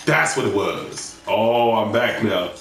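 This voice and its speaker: A man streaming a fighting game with friends, excitable, yelping and trash-talking in casual banter. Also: on the low side, slow, gravelly. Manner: excitable, yelps and trash talk. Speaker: gaming streamer. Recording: roomy, distant mic with game music. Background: fighting game music.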